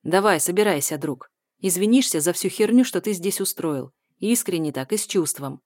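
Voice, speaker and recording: Woman doing a gruff, threatening young man. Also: lowish voice, expressive, normal speed, a little mellow, no room sound, studio quality. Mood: menacing. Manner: gruff, commanding. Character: hot-tempered young man, rough and threatening. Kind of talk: audiobook character voice.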